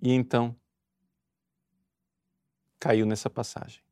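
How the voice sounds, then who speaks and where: A man with a Brazilian Portuguese accent preaching fervently, pressing his listeners with rhetorical questions and reading quoted passages slowly and solemnly. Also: medium pitch, flat delivery, a little mellow, dry recording, clean studio sound. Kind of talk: sermon explaining a spiritual classic.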